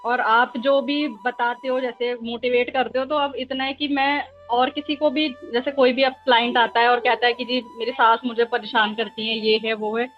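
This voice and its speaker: A talkative woman student shares her story in a casual chat, often pausing on fillers. Her voice is very high. The audio sounds dull and muffled, with faint music behind. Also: flat delivery. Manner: talkative, hesitant with many fillers. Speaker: tarot student.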